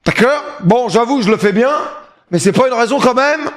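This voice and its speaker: Male streamer, middle-aged, casual live chat, joking, very lively pitch. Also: normal speed. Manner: animated, joking, loud hype bursts.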